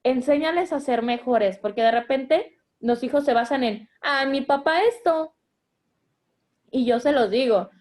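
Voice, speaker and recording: A woman's voice: on the high side, normal speed, hardly any pauses, mellow. A woman, speaking as a mother in a conversation about raising children, earnest and explanatory, often restarting her sentences. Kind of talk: conversational parenting advice.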